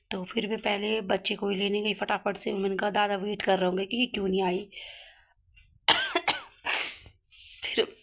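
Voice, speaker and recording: A young woman from Uttarakhand, speaking Hindi with an Uttarakhand accent, chatting through a story in a casual home vlog, with lively asides throughout. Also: on the high side, creaky. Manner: chatty, animated retelling with many asides. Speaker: vlogger.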